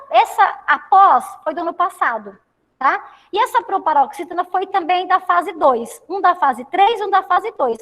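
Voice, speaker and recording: A woman's voice: very high-pitched, a bit bright. A woman with a Brazilian Portuguese accent teaching a Portuguese class, affectionate with her students and often checking that they follow. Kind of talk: online class lesson. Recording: long reverb.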